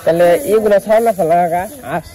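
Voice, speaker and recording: A woman's voice: lowish voice, brisk, over music. A woman chatting casually in a village vlog, calling animals and teasing children in a coaxing way. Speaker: vlogger.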